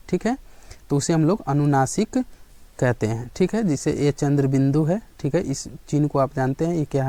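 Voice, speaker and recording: A man teaching a grammar lesson in a somewhat high, dark and mellow voice. He checks in with his listeners again and again and answers his own questions as he goes. The sound is dry and close, with no room around it. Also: no echo.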